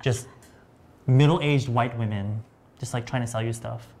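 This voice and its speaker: A man's voice: mid-range voice, measured pace, darkish tone. A man in his thirties, a makeup artist hosting a beauty livestream, chatting and teasing casually in a studio. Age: 30s. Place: bright studio set.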